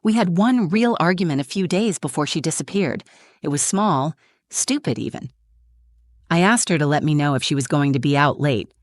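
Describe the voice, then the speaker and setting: Low-voiced woman narrating a dry story. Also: expressive, dry recording. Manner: measured, reflective storytelling with short dramatic phrases. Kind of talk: scripted first-person story narration.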